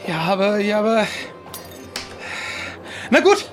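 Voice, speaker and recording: In an improvised comic audio play, a man performs a nervous young pirate lad in a full character voice that sits high and swings widely in pitch. He speaks slowly, stammering, hesitating and repeating words, sounding fearful and unsure, with faint music behind him.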